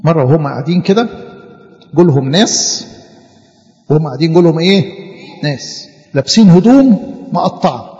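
An Egyptian man teaching a Sunday school lesson. He keeps stopping to quiz the children and has them finish his sentences. His voice is high for a man, and it sounds dull and lo-fi in a large, echoing hall. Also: darkish tone. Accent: Egyptian Arabic. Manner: question-and-answer storytelling that leaves blanks for the listeners to fill. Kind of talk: Bible story told to children.

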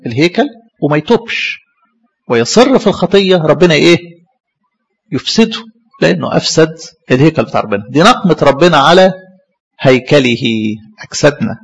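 Egyptian guy preaching a bible study, gravelly, slightly high, keeps asking the crowd to fill in the answer. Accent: Egyptian Arabic. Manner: poses questions for the listeners to finish.

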